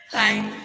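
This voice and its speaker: A woman's voice: sits high, bright, forceful tone. A woman on a live video call through earbuds, her voice sounding echoey, playful and laughing easily. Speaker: guest, embodiment coach. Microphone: wireless earbuds over a video call.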